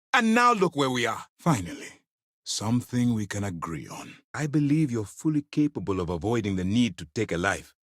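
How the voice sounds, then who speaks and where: Scripted video game dialogue features a stern military commander whose low voice swings widely between measured restraint and force. He speaks formally and with authority, sounding composed and confiding. The recording is close and dry.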